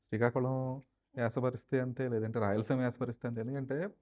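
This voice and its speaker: Fast-talking male interview host. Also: medium pitch, level tone, a little mellow. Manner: brisk, prompting, agreeable. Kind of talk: interview questions and comments.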